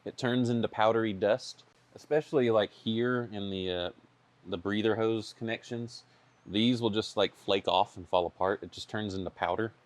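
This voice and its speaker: A man in a relaxed, conversational tech session, talking through car repair history with lots of fillers. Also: lowish voice, normal speed. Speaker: shop owner presenting a tech session. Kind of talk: casual technical talk. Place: event room.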